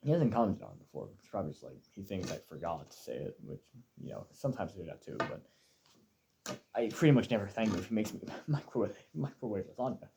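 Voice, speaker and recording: A man's voice: on the low side, sing-song, fast, vocal fry, mellow, slight background noise. A man ranting in a rambling, sardonic way about his father's cooking. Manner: sardonic, exaggerated complaining. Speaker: vlogger. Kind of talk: rambling solo rant.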